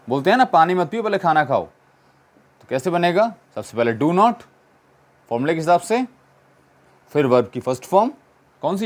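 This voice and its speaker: A man teaching an English grammar lesson, asking questions and answering them himself and repeating the key points. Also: on the high side. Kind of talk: classroom-style explanation.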